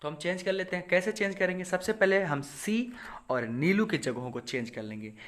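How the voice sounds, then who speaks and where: Indian man teaching grammar, slightly high voice. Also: animated, a bit bright. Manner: asks students questions and answers them himself; reads English example sentences slowly. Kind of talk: explaining grammar rules to viewers.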